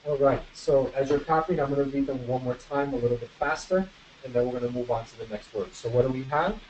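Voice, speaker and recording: A man teaching an English vocabulary class online, switching between Spanish and English and repeating word pairs slowly for practice. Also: mid-range voice, a little mellow, a little hiss or hum, rough recording.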